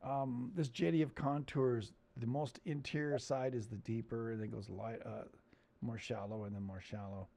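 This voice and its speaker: A man with a gravelly, creaky voice hosts a loose screen-share chat. He rambles and hesitates, filling gaps with "um" and "uh" as he points things out. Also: medium pitch, steady tone, normal speed, mellow. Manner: rambling, hesitant with many fillers. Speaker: host.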